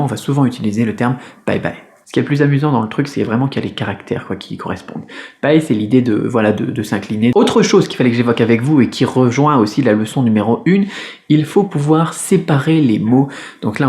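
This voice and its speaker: A man teaching a beginners' Mandarin lesson in French, patient and clear, repeating each sound slowly. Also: medium pitch, a little mellow. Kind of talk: video lesson.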